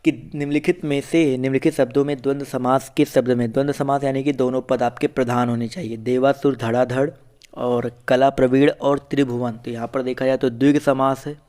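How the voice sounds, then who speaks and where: Man, online tutor, mid-range voice, explaining answers, asks students if it's clear. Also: medium pitch, flat delivery, a little fast, darkish tone. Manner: addresses viewers as friends, asks "clear?"; reads out options and answers them one by one. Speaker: teacher. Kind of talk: online exam-prep lecture.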